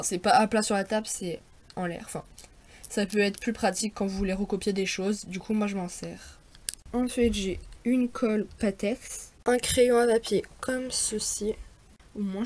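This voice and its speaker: A woman's voice: medium pitch, darkish tone. A teenage girl in a casual vlog, showing her school bag and talking in a chatty, hesitant way with many fillers. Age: teens. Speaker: vlogger.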